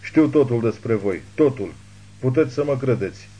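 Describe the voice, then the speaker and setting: A man voicing a crazed, hateful old woman who spits forceful accusations in an audiobook. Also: mid-range voice, expressive, breathy edge, lo-fi sound. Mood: menacing.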